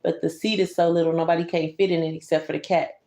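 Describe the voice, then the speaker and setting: A woman reads a bedtime picture book to a child quickly, her low, warm voice showing little pitch movement in a roomy-sounding space. She interrupts herself with casual, conversational asides, explaining the pictures and commenting to the young listener.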